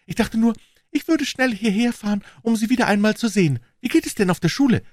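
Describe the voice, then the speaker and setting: A man's voice: high-pitched, lively intonation, fast talker, darkish tone, no echo, clean studio sound, voice pushed up. A man voicing an anxious, bitter older woman, a former nanny, in a storybook reading. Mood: eager, anxious.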